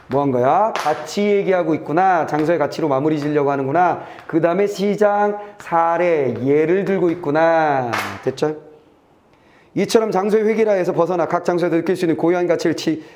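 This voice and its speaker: A male Korean exam-prep teacher walking students through a test passage, reading lines aloud and checking in with quick asides that trail off low. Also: darkish tone. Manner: brisk and chatty, reads aloud then checks "됐지?" and trails off low.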